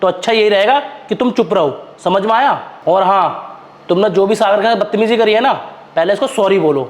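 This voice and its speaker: Guy doing a firm husband lecturing his wife, pretty high voice. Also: fairly quick, natural voice. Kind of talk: amateur web drama acting.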